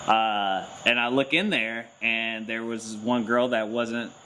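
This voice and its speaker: A man, telling a story in a lively, animated way and laughing often. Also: medium pitch, takes it slowly, a little hiss or hum, rough recording. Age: 30s. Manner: animated, laughs often, acts out voices in his stories. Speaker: garage channel host. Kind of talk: casual storytelling chat.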